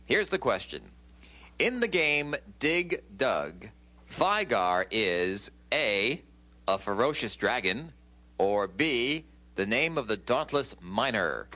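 Bright, upbeat male game show host. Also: medium pitch, big pitch swings, slow. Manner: addresses contestants directly with questions and announcements. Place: television studio game show set.

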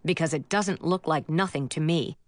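A woman's voice: sits low, moderate pace, no echo, pitched below the performer's own voice, close to an everyday voice. A woman voicing a stern middle-aged father who speaks in an icy, clipped way. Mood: cold stern.

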